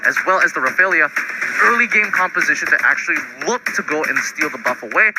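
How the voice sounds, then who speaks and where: A man calls an esports match with quick, analytical energy. His voice sits a little high and he is short of breath behind a mask. Loud noise runs under the whole recording. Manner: energetic, analytical, laughs easily. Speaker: esports caster. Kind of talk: esports commentary.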